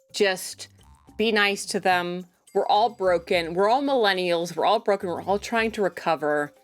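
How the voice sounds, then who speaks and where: A drunk young woman rambling in a rowdy party-animal way, repeating herself and swearing in a casual livestream chat. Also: lowish voice.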